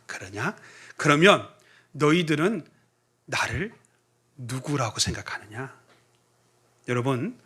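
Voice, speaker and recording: A middle-aged male pastor preaching a sermon, telling the story with lively acted-out dialogue. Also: fairly high pitch. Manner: animated storytelling, acting out quoted voices. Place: church sanctuary.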